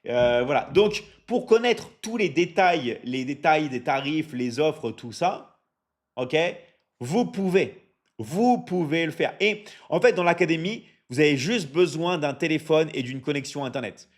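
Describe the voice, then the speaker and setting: On a live stream, a French coach for an online academy makes his sales pitch while reading the chat, full of energy and repetition. He uses many fillers and often checks in with "ok? d'accord?". His pitch is fairly high, though his pace stays measured.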